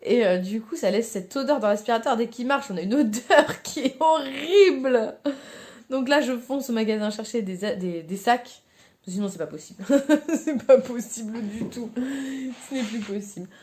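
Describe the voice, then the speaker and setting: A woman chats informally as a vlogger. Her voice sits a little high yet has a very soft, dark-edged tone. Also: expressive, normal speed. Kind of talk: casual chatty vlog about daily chores.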